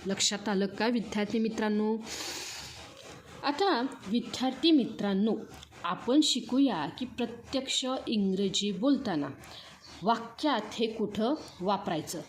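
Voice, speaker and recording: A woman's voice: mid-range voice, lively intonation, unhurried, slight background noise. A woman with a Marathi accent teaching a grammar lesson, drilling each point with repeated rhetorical questions. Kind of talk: classroom grammar lecture.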